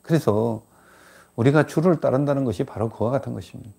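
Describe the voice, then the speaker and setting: Older male pastor, gravelly and husky, mid-pitched, emphatic sermon delivery. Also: fairly quick, warm tone. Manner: emphatic preaching with rising outbursts and rhetorical questions.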